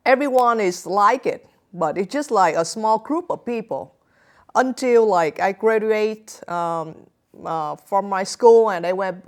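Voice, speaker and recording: A woman's voice: mid-range voice, smooth. A young woman from Vietnam with a Vietnamese accent, answering interview questions in hesitant, simple English full of fillers. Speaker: author guest.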